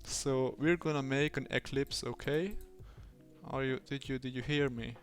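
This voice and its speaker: A man speaking slowly in a put-on British accent, chatting away to himself as he works through a design on stream. His talk is playful and rambling, with faint music in the background. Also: medium pitch, fairly even intonation. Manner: using a fake British accent. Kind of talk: livestream self-talk while doing design work.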